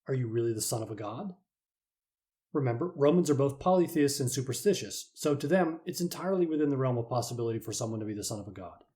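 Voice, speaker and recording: A man's voice: mid-range voice, warm tone. A man teaching a Bible lesson, retelling events in a dramatic, explanatory way. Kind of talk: storytelling lesson.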